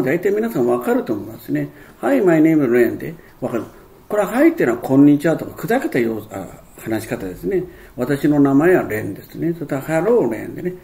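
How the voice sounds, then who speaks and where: Gravelly, mellow Japanese teacher of English. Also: male voice, mid-range voice. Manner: rambling and hesitant, many fillers and restarts. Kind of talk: explaining a textbook lesson.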